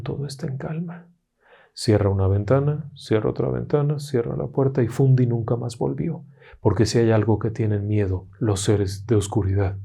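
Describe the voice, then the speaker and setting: A man narrating ghost stories dramatically, dropping to a hush in tense moments. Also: mid-range voice. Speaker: storyteller host.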